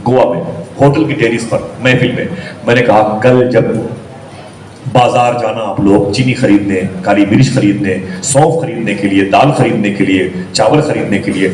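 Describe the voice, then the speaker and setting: A man's voice: medium pitch, darkish tone. A man preaching a storytelling sermon in a mosque, emphatic and often asking his listeners to agree. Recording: echoey hall, voice from a distance, faint noise.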